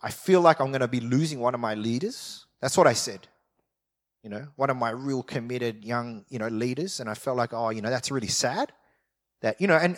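A pastor giving a conversational sermon, telling a story with frequent rhetorical questions and "right?" check-ins. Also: male voice, medium pitch, fairly bright tone. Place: church.

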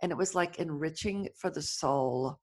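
A woman chatting casually and telling lively personal stories with enthusiasm. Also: deep voice, normal speed, breathy edge. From United States. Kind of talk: casual chat.

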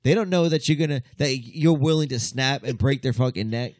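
A man's voice: medium pitch, fairly quick, a little mellow, no room sound. A man hosting a casual podcast chat, reading list items aloud and riffing on them with swearing. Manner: reads list items aloud, then riffs with profanity. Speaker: podcast host.

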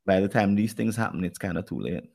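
A man with a Jamaican accent hosts a podcast in a casual, reflective way. His voice sits fairly low and has a gravelly fry to it, and he often speaks directly to the people listening. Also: quick pace, a little mellow. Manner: earnest, reflective talk that addresses listeners directly. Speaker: podcast host.

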